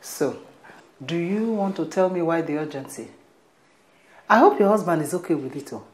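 A middle-aged Nigerian mother, devout and preachy, played by an actress. Her pitch sits a little low but moves widely as she scolds. It's a Nollywood film scene. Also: lively intonation, normal speed, darkish tone, natural voice. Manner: preachy, lecturing. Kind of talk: film acting.

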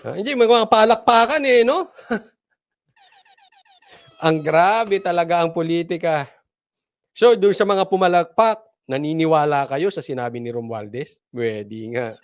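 High-voiced mocking male political commentator. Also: unhurried, pauses often. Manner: mocking, laughs often, repeats points for emphasis.

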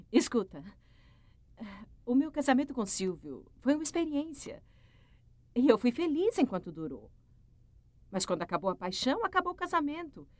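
Brief: a self-assured ex-model, lively lilting delivery, dry close sound. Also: female voice, high voice, dry recording. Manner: lightly laughing, confident. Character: glamorous former model, breezy and self-assured. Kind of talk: dubbed telenovela acting.

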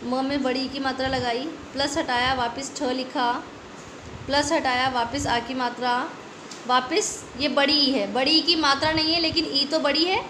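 Indian woman, school teacher, online class, slow deliberate speech, echoey room, faint background hum. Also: high-pitched, fairly even intonation. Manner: slow, drawn-out word stretching with quiz questions. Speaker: primary school Hindi teacher.

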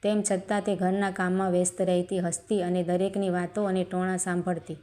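Woman reading older mother-in-law, sharp-tongued, scolding, storybook figure, flat delivery, mellow tone. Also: fairly low pitch, a little fast, natural voice. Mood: furious. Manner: scolding, commanding.

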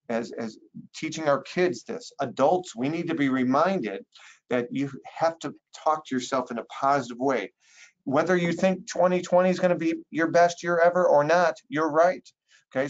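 A man's voice: mid-range voice, muffled recording. A man giving a motivational webinar training as a real estate trainer, emphatic and coaching, repeating his key phrases.

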